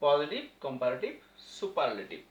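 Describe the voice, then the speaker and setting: Teaching grammar at a board, a man with a Bangladeshi Bengali accent patiently goes over the rules and answers his own questions. His slightly high voice swings hugely in pitch at a normal speed. Sound quality is dull and lo-fi, with an echoey room.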